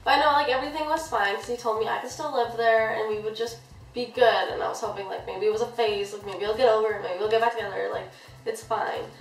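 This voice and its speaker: A young woman chats through a storytime video and keeps saying "like" as she rambles. Her voice sits a little high. She is heard a bit off the mic in a room full of echo. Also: steady tone, fast talker, creaky, distant mic, soft background music. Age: young adult. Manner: chatty, rambling, heavy use of "like". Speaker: vlogger. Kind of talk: casual storytime chat.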